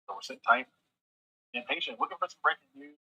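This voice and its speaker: A man with a scratchy voice giving running commentary on his live day trades, thinking aloud in quick half-muttered remarks. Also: extremely high pitch, very animated, creaky, pushed and bright, slightly rough. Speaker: day-trading livestream host. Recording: dull lo-fi sound.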